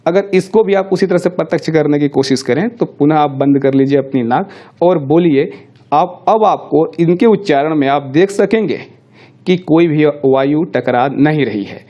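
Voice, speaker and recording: A middle-aged man lectures with a fairly high yet mellow voice. He explains patiently, posing questions to himself and answering them. He slows down to draw out each example word. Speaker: teacher. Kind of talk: classroom lecture.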